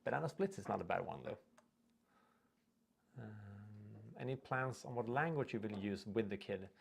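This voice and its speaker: Reading viewer comments out loud on a casual live chat, this young host from Sweden rambles in English, a second language for him, and often trips over words. He speaks at a moderate pace with lively intonation in a lowish, slightly rough voice with vocal fry.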